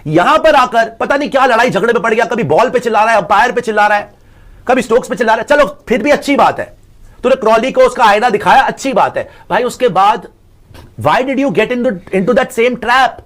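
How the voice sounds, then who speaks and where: Very high-voiced man, blunt cricket critic. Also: fairly quick, a bit bright. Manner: blunt, rhetorical questions, Hindi-English mix. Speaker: cricket commentator. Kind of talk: casual cricket reaction chat.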